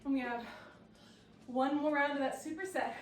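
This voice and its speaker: A high-pitched woman coaches a workout while exercising alongside. She sounds winded and encouraging. The recording is roomy, and she sits back from the mic. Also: steady tone, moderate pace, distant mic, a little hiss or hum. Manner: encouraging, breathless between exercises. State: out of breath. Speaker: fitness coach. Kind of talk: workout instruction.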